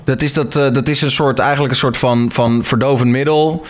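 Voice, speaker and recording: Fast-talking man leading a panel chat. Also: medium pitch, steady tone. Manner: rapid, thoughtful, many restarts. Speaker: host. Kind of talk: casual panel discussion.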